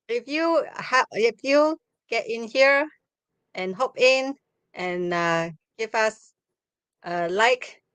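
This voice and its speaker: A woman, hosting a live stream from home over a video call, speaking haltingly with many restarts. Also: medium pitch, fairly bright tone, clear, resonant tone, no room sound. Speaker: host. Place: home room with bookshelves. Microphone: webcam on video call.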